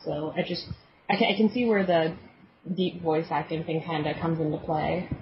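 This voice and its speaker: A woman's voice: low-pitched, moderate pace, background noise. A woman co-hosting a casual podcast, blunt, teasing and opinionated. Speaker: podcast co-host. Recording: muffled lo-fi recording.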